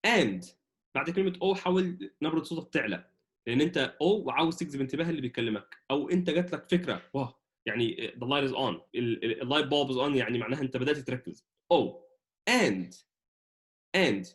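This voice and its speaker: A man with an Egyptian Arabic accent teaching an English lesson, repeating words slowly and pausing often. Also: medium pitch. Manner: slow drilled repetition of English words; many hesitations and restarts.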